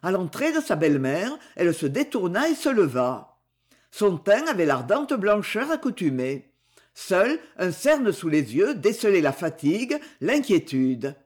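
An audiobook narrator giving a slow, expressive literary reading. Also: medium pitch, husky.

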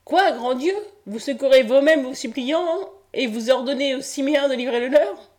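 A woman's voice: sits high, moderate pace, darkish tone, close to an everyday voice. A woman reading the part of a male Greek citizen solemnly petitioning a god in a historical audiobook. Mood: indignant.

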